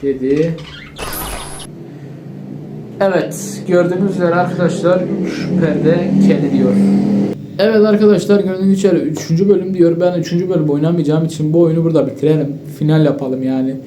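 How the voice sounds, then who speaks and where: A man's voice: on the high side, steady tone, fast, very noisy. A young man playing a horror video game and commenting, panicking, swearing and repeating commands over and over. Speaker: gaming YouTuber. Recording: roomy echo with loud game music.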